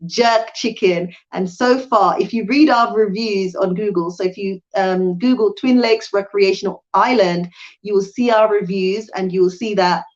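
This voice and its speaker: UK-raised woman, livestream host, middle pitch, chatty and hesitant, slightly muffled audio. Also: moderate pace. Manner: chatty, with frequent ums and restarts. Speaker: channel host and hotel owner. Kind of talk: live stream Q&A talk.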